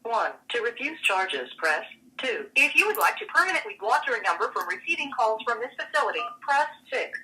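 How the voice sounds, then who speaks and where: A woman's prerecorded voice plays over a prison phone line, formal and evenly paced like an automated announcement. Her tone is very bright and sharp. It comes from a phone speaker set well away from the mic. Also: medium pitch. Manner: measured, formal announcer delivery. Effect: played over a prison phone line. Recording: distant phone speaker, picked up from afar.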